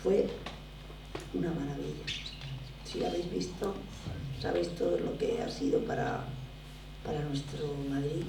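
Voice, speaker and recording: Deep and gravelly, this older woman's voice moves at a moderate pace with frequent pauses. A theatre producer from Barcelona, Spain, she tells stories with animation and emphasis in a conversational interview held in a drama school lecture room. Echo, distance from the mic, and faint noise mark the recording.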